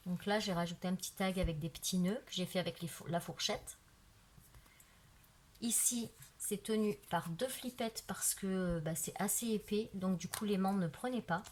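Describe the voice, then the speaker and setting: A woman's voice: mid-range voice, slight background noise. A woman casually showing off a handmade craft album, chatting as she turns each page and filling her talk with "voilà" and "euh". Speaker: craft video maker. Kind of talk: casual craft show-and-tell. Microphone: camera on a tripod.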